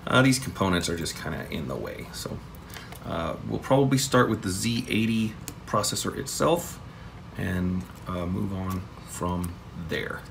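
A man's voice: low voice, a little slow, creaky, noisy background. A man casually talking through an electronics kit build at his workbench, thinking aloud with plenty of fillers. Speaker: electronics hobbyist host.

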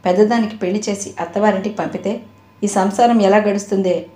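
A woman's voice: medium pitch, fairly even intonation, brisk, warm tone, close to an everyday voice. A woman voicing a grumbling, self-serving middle-aged father who snaps at his wife, recorded in an echoey room. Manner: grumbling, scolding.

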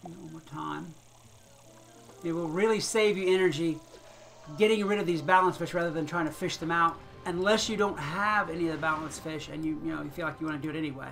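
A man talks his way through a game session in a relaxed, chatty way, thinking out loud and chuckling now and then. His voice sits a little high, with a gravelly edge and a bright, forward tone. Soft game music plays in the background. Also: fast talker. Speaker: gaming channel host. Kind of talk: casual gameplay commentary.

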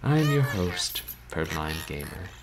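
In a noisy home webcam stream from a small bedroom, a man in his thirties hosts a video game livestream, his voice low-pitched and very animated. He takes it slowly, chatting casually with viewers in a wry, self-deprecating way and with wordy phrasing.

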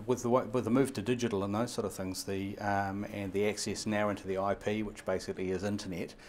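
A man in his fifties with a New Zealand accent speaks in a voice on the low side, level and darkish. He's a radio equipment supplier interviewed on a lapel mic in an indoor showroom, giving rapid, long, run-on answers full of fillers and restarts.

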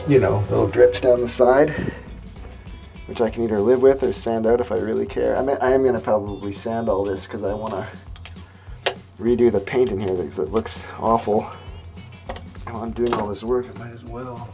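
A man in his forties calmly explaining each step of a repair job while he works in a boat shed. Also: medium pitch. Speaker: boat restorer. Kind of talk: how-to narration while working. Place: boat shed with timber frame, indoors.

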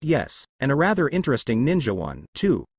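A man's voice: medium pitch, wildly swooping pitch, fairly quick, breathy edge, no room sound, studio quality, heavily acted. A man voicing a wry, critical spirit living inside a boy, in a storybook reading.

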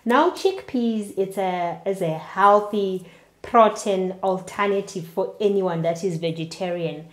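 Woman, 30s, cooking host; slow, steady instructional delivery, roomy kitchen sound. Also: mid-range voice. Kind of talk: cooking demonstration to camera. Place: home kitchen, indoors.

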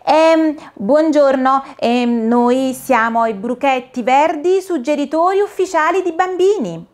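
A woman's voice: high voice, measured pace, darkish tone, voice pushed up. A woman voicing a polite, earnest little male caterpillar who speaks in a solemn, careful storybook manner.

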